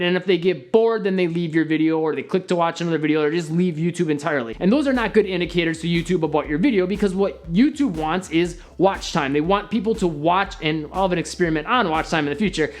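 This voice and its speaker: A young man hosting a casual video on growing a channel, talking straight to camera and swinging between upbeat and deliberately flat delivery. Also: sits high. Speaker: YouTube marketing host. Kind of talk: casual to-camera advice talk.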